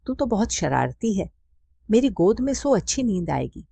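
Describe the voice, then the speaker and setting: A woman voicing an affectionate, teasing middle-aged mother in a storybook reading, speaking in a soft, coaxing way. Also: medium pitch, big pitch swings, moderate pace, creaky, husky, dry recording, pitched above the performer's own voice, exaggerated voice. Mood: indulgent. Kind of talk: scripted story narration.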